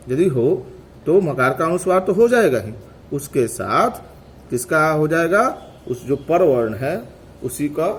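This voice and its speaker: A man teaching a grammar lesson, asking questions and answering them himself, repeating each term slowly to drill it. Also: medium pitch, slight background noise. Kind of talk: classroom lecture.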